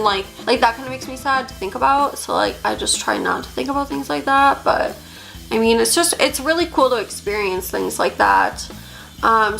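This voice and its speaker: Young woman, beauty vlogger, chatty and rambling, slightly high voice with vocal fry, soft music under. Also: poor audio. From Upper Peninsula, Michigan. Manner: chatty, many "like" fillers; slight lisp at times. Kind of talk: casual get-ready-with-me chat.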